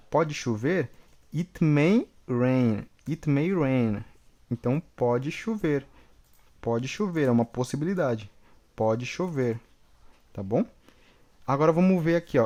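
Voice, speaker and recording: A man from Brazil teaching an English lesson, patiently repeating each example slowly and checking in with the class. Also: mid-range voice, darkish tone.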